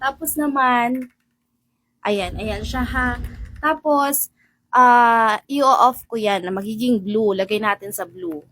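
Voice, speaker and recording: A woman's voice: a little high, slow, fairly bright tone. Chatty woman vlogger on a lapel mic. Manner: chatty, calls out hellos to viewers, laughs often. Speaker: vlogger reviewing a wireless mic. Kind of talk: casual product demo vlog. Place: home and outdoor yard. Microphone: wireless lapel mic.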